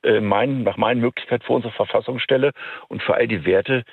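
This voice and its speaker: Gravelly husky man on a phone line. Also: mid-range voice. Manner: halting, many fillers and restarts. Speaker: radio discussion guest.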